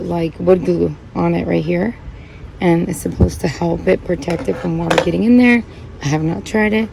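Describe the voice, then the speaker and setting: A woman born in Puerto Rico and raised in Connecticut hosts a plant channel, chatting and rambling with many fillers while she repots cacti. Her fairly low voice is creaky and dark in tone. The recording is low quality with slight background noise.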